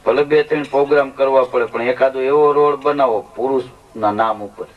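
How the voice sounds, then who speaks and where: A man telling comic stories on stage at a folk show, with lively joke-telling and quoted dialogue. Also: medium pitch, normal speed. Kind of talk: stage storytelling comedy. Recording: lo-fi live recording from a distance.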